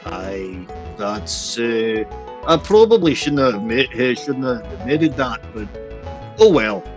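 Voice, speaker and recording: A man streaming through a voice changer that shifts his voice deeper, rambling in a playful mock-pirate way full of "aye" and "lad". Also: big pitch swings, slow pace, dull audio, over music. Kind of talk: rambling livestream commentary.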